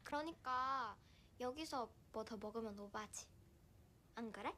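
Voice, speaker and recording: A woman's voice: a little high, racing, pushed and bright, a little hiss or hum. An actress playing a chatty schoolgirl younger sister in a TV drama. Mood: chatty, reasoning. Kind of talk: TV drama acting.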